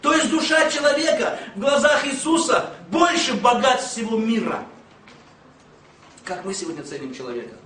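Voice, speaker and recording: A man preaching a sermon, emphatic and storytelling with humor, bursting into shouts at times. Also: very high-pitched, lively intonation, moderate pace. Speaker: pastor. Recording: echoey room, mic at a distance, faint noise.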